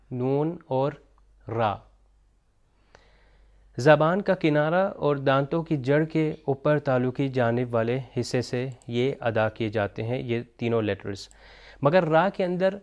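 A man teaching Quran pronunciation in a recorded lesson, explaining each letter in a clear, steady way and slowly chanting the example words. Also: medium pitch. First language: Urdu. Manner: explanatory, mixes in English terms, slow chanted recitation of examples.

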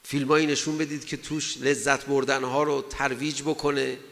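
A man's voice: medium pitch, level tone, vocal fry, a bit bright. A man giving a sermon in an emphatic way, asking his listeners rhetorical questions. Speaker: religious lecturer. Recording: long hall reverb.

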